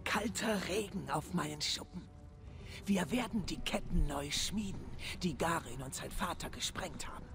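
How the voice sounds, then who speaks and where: A solemn reptilian sage from a fantasy game. The voice is gravelly and measured, with a cryptic, wise manner, and music plays underneath. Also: female voice, fairly low pitch. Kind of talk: video game character acting.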